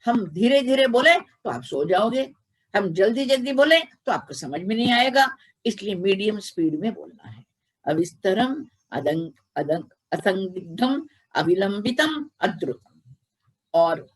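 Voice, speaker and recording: A woman's voice: mid-range voice, expressive, measured pace, husky, poor audio. A woman spiritual teacher giving a devotional discourse, chanting verses and leading call-and-response chants. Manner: demonstrative, chants Sanskrit verses.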